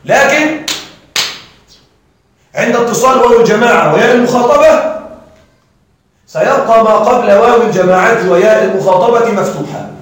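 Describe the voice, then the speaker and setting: High-voiced man teaching in an echoey room. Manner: checks in often with students, repeats examples slowly. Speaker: grammar teacher. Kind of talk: classroom grammar lesson. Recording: very echoey room, mic far off.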